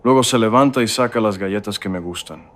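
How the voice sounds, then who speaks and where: A man narrating a first-person story in a calm, reflective way. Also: lowish voice, fairly quick.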